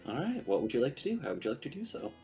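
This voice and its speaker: A man running a tabletop game as game master, questioning the players in a relaxed way. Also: medium pitch, very fast, vocal fry, faint music behind. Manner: lively, asks players questions.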